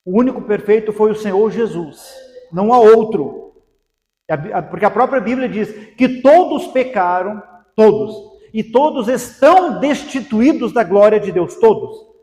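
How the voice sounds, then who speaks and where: A man's voice: high-pitched, expressive, a little slow, darkish tone. A man with a Brazilian Portuguese accent preaching a sermon as pastor, asking repeated rhetorical questions. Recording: echoey hall with long reverb.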